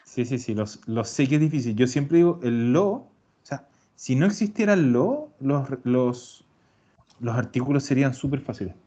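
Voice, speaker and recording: Man, language teacher, online class, patient explaining, drawn-out example words, lo-fi sound. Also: medium pitch, expressive, warm tone. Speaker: Italian teacher. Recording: dull lo-fi recording.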